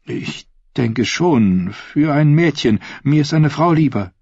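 Brash coarse knight, male reader voicing him, husky, unhurried, dull dry sound. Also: fairly high pitch, expressive, darkish tone, no echo, voice pushed up, exaggerated voice. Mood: blunt. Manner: blunt, brash. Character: bold, coarse young knight.

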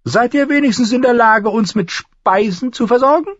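A mocking, high-voiced dwarf lord. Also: male voice, normal speed, a bit bright, dry recording, dull audio. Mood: sardonic. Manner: sardonic, commanding. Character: mocking dwarf nobleman, sharp-tongued and dry.

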